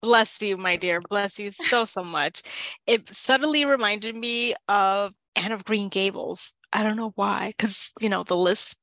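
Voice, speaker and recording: A playful woman co-hosting a casual book podcast, effusive and quick to swing between loud exclamations and soft asides. Her pitch sits in a middle range. The recording is dry and close. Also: dry recording, low-quality recording. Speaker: podcast co-host. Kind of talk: casual chat.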